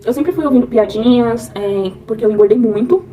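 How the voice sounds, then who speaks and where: A Brazilian woman telling a personal story in a soft, heartfelt way, often adding "né?" to her sentences. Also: fairly high pitch, brisk, far from the mic, a little hiss or hum, rough recording. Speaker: vlogger. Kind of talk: personal testimony.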